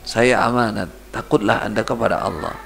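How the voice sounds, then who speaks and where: A male preacher voicing a pleading little daughter in a retold story, in a soft, hushed tone. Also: fairly low pitch, moderate pace, gravelly, slight background noise.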